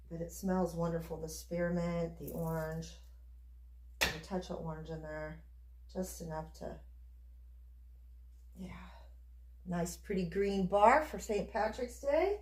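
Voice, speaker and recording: A woman with a fairly low voice talks casually through a hands-on craft demonstration. Her delivery is unhurried and chatty, partly as if murmuring to herself. The room adds a clear echo around her words. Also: a little mellow. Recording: echoey room.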